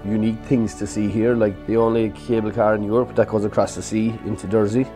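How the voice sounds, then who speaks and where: Older guy, soft dark tone, quick talker, bit of music. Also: on the low side, level tone. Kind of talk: interview chat. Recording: light music behind the voice.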